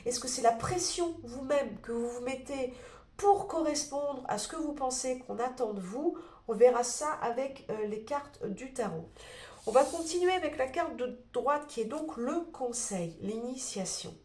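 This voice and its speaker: A woman's voice: high-pitched, measured pace, a little mellow. A woman with a cold and a blocked nose giving a spoken tarot reading, searching for words with many fillers and restarts. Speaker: tarot card reader. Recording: roomy echo.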